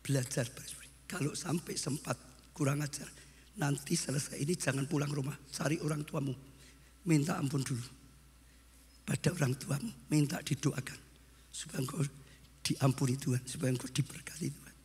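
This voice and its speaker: A man preaching a wedding sermon, telling stories and swinging between loud exclamations and hushed asides. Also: on the high side, fairly even intonation, normal speed, slight background noise. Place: church hall. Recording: long hall reverb.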